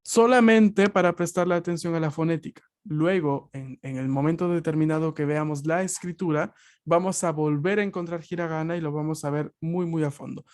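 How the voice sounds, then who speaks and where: Man, language teacher, slightly high voice, patient and explanatory, video call lesson. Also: brisk, darkish tone. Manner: patient, explanatory, often checks with "¿Ok?". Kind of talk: online class lecture.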